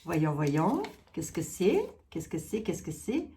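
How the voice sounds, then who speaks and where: A woman's voice: low voice, very animated, takes it slowly, mellow, a little hiss or hum. A middle-aged woman chatting casually to her viewers as she unboxes gifts, thinking aloud with many fillers and repeated words. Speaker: psychic channel host opening gifts.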